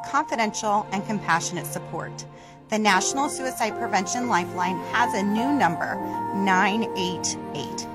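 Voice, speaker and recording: A woman narrating a scripted public service announcement. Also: medium pitch.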